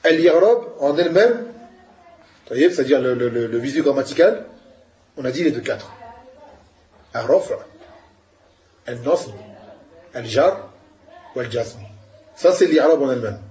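A man's voice: medium pitch, expressive, a little slow, pauses often, a little mellow, highs cut off. A man giving an Arabic grammar lesson, explaining patiently and asking his students questions. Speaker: Arabic teacher.

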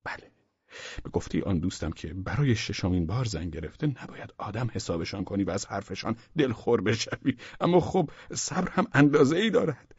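A man narrating a humorous audiobook in a wry, expressive storytelling manner. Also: on the low side, husky, no room sound, muffled recording.

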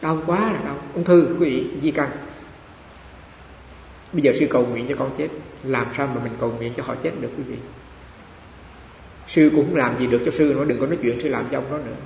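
A man's voice: medium pitch, a little fast, gravelly, long pauses, a little mellow. A man, a monk giving a Dharma talk in a chatty storytelling way, often repeating phrases. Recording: echoey hall with faint hiss.

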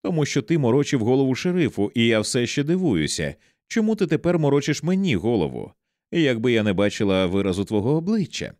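A frightened wife, sharp-edged and close to tears, as a male reader voices her. Her lines rise a little above the reader's low voice and swing widely in pitch. The sound is dry and close. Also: very animated, normal speed, dry recording. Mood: angry. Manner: sharp, tearful, pleading. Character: anxious, angry wife confronting her husband.

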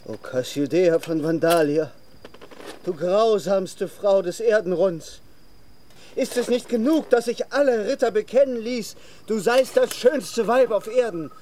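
A man's voice: sits high, unhurried, warm tone, a little hiss or hum. A man playing a boastful, lovesick, theatrically mournful knight in a radio play, declaiming pompously. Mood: lamenting. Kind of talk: German radio play acting.

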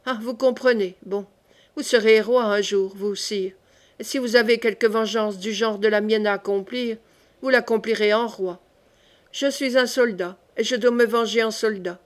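A woman's voice: on the high side, steady tone, moderate pace, close to an everyday voice. A woman reading the part of a bold, loyal young male captain, speaking in a resolute, soldierly manner. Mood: determined. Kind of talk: audiobook character reading.

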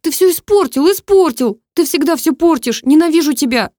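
A woman voicing a young woman who shouts at someone through tears, high and shrill. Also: very animated, brisk, dry recording, studio quality. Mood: tearful fury. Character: young woman, tearful, furious, hurt.

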